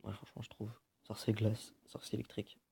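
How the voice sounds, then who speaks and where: A man's voice: fairly low pitch, level tone, brisk, gravelly, dark tone, slightly rough, in a whisper. A man giving casual, joking gameplay commentary, swearing often and muttering to himself. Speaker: gaming video host.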